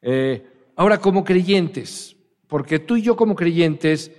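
Emphatic male preacher, higher-pitched voice, questioning the congregation; recorded in an echoing church hall. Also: expressive, takes it slowly, darkish tone. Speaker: pastor. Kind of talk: sermon.

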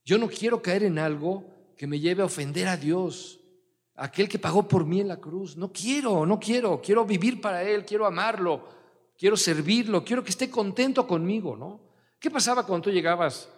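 Mexican pastor preaching in a reverberant hall. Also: male voice, high-pitched, moderate pace. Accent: Mexican Spanish. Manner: conversational preaching with personal anecdotes. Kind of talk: sermon.

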